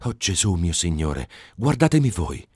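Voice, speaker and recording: A man's voice: low voice, sing-song, moderate pace, a little mellow, husky, no room sound, studio quality, heavily acted. A man reading a story and voicing an old male hermit monk who calls out earnestly. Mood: pleading.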